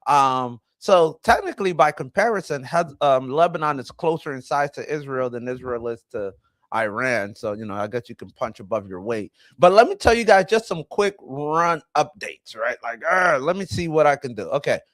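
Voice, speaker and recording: A man's voice: medium pitch, animated, normal speed, fairly bright tone, dry recording. A man in his forties hosting a live stream, chatting casually and rambling with self-corrections as he greets viewers. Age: 40s. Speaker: livestream host. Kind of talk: casual livestream chat.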